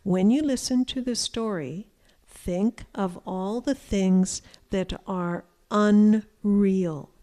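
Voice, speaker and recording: A middle-aged woman, a reading teacher, reading a fairy tale aloud to young children in a clear, deliberate way. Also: mid-range voice, warm tone. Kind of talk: slow read-aloud storytelling for young children.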